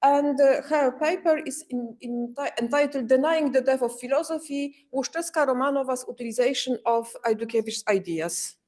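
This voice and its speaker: A woman's voice: high voice, moderate pace, hardly any pauses, darkish tone. A woman with a Polish accent moderating an academic conference session live.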